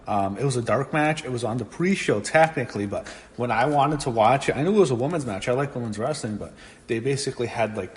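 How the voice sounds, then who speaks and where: A man giving a casual solo review of a wrestling show, rambling and excitable, swearing when annoyed. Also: medium pitch. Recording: long room reverb with faint background noise.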